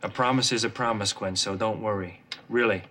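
An actor playing an earnest, reassuring deputy. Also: male voice, lowish voice, steady tone, fairly quick, pushed and bright, a little hiss or hum. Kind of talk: sitcom acting.

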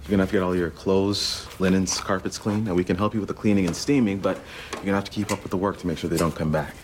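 A man acts out a matter-of-fact pest exterminator in a television drama. His voice sits low and he explains things plainly. There is clear noise in the background. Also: fairly even intonation, fast talker, lightly acted. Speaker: pest control worker.

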